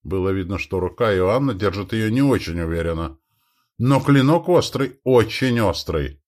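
A man reading an audiobook aloud as narrator, with expressive storytelling. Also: lowish voice, normal speed.

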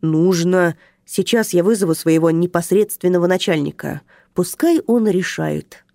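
A woman's voice: lowish voice, moderate pace, dark tone, no echo, studio quality, lightly acted. A woman voicing a short, round, middle-aged male security guard who talks in an officious, barking way.

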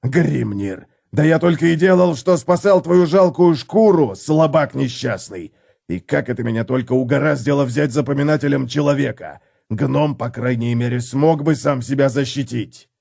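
A man voicing a furious, scornful old dwarf warrior who bellows slowly and heavily in an audiobook. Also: mid-range voice, creaky, a little mellow. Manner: bellowing, slow and heavy.

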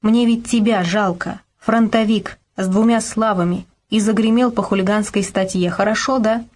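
Woman narrator doing a menacing male official, officious and bullying, voice pushed up high. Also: fairly even intonation, moderate pace, darkish tone, close to an everyday voice. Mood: aggrieved. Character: stern threatening male Soviet official.

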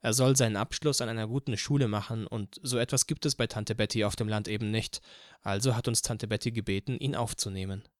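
A man voicing a stern middle-aged father who speaks in a measured, authoritative way. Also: on the low side, steady tone, no echo, studio quality, close to an everyday voice. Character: stern father at the dinner table.

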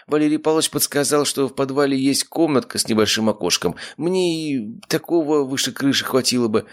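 A man's voice: medium pitch, pitched above the performer's own voice, lightly acted. A man reading an audiobook voices a humble, grateful homeless man who pleads eagerly for work and a place to live.

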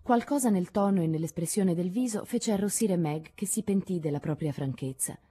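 Woman reader, low and mellow, calm measured audiobook narration. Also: husky. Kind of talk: literary audiobook reading.

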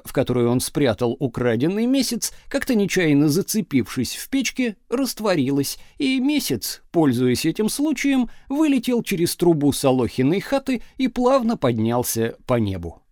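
A man's voice: a little high, darkish tone, no echo, clean studio sound. A man reading a classic story aloud as an audiobook narrator, telling it expressively. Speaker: audiobook reader. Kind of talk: scripted literary narration.

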